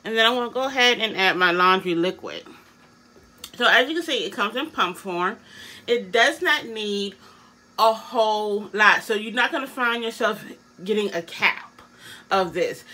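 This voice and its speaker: A woman's voice: mid-range voice, moderate pace, bright, forceful tone. A woman giving a casual product demonstration, her articulation slightly awkward as she talks with new braces in her mouth. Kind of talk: casual product demo chat.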